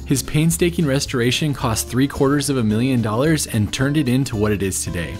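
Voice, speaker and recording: A man in his thirties narrating a travel vlog, filming himself outdoors in the desert with the camera held at arm's length, upbeat and informative and quick to laugh. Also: mid-range voice, a little mellow. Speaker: travel vlogger.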